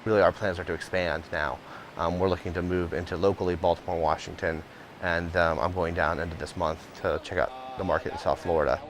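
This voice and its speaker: A man's voice: low voice, little pitch movement, a little fast, loud music behind the voice. A middle-aged man speaking unscripted in an interview about his work as a tour guide, conversational and matter-of-fact. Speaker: ghost tour company owner and guide.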